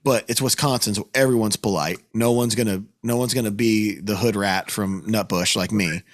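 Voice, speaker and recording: A man's voice: fairly low pitch, moderate pace. A man, a podcast host, telling a story in a casual chat, swearing often and raising his voice when worked up. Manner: animated, profane, voice climbs when worked up.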